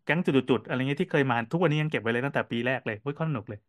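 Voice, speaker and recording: Guy chatting fast on a podcast, dry close mic, lots of fillers. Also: medium pitch, dry recording. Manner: quick, animated storytelling with frequent fillers. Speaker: podcast co-host and cafe owner. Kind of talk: casual podcast chat.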